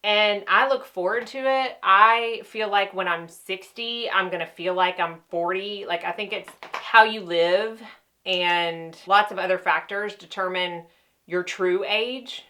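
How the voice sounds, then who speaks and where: A woman's voice: medium pitch, measured pace, sharp tone. A chatty woman, a makeup artist answering viewer questions in casual chat while doing her makeup. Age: 30s. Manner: chatty, conversational, with frequent fillers.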